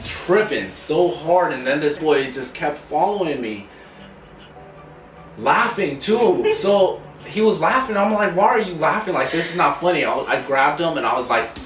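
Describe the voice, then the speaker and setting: A man's voice: mid-range voice, a bit bright, distant mic. A young man vlogger casually telling stories about his life, with a laid-back manner and many "like" fillers. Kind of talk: casual storytelling. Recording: roomy sound from off the mic, music behind.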